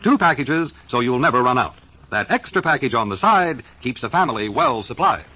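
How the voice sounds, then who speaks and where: Old-time radio announcer, a man with animated pitch. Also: a little fast, slightly rough. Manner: polished, emphatic sales delivery. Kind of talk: 1940s radio announcer, scripted ad copy and program sign-off. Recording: scratchy, muffled 1940s radio broadcast.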